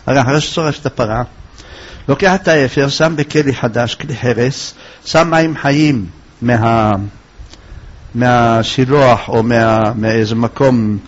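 A rabbi teaching a religious lesson, telling a story in an animated way and acting out its voices. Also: male voice, medium pitch. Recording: dull lo-fi recording.

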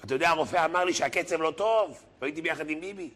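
A man acting out an irate middle-aged father who scolds his yeshiva son and works himself up into shrill shouting. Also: lightly acted. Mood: angry.

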